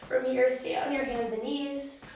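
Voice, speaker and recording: A woman teaching a yoga class, giving step-by-step pose instructions in a calm, soothing, encouraging way. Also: high-pitched, unhurried. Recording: very echoey room, far mic, faint noise.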